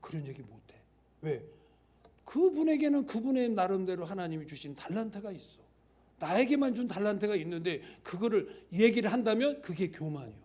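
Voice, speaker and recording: A man who is a church elder, preaching a sermon in a conversational way, asking the congregation questions and dropping now and then to a hushed whisper. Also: high voice, very animated, a little fast. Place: church sanctuary.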